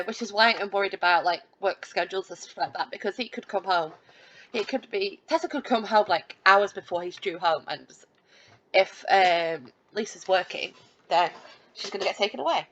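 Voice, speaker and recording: The audio is dull as a woman, a let's play gamer, rambles through her life-sim gameplay in a medium-pitched, fairly bright voice. She fills her talk with fillers and restarts and teases herself with light laughter.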